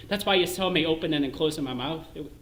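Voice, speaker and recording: An actor playing a bitter middle-aged clerk with a Northern Irish accent in a theatrical monologue, swinging between hushed self-loathing and shouted rage. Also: male voice, on the high side, quick pace, close to an everyday voice. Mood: uneasy. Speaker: stage actor in a one-man show. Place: performance space, live stream. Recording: roomy echo.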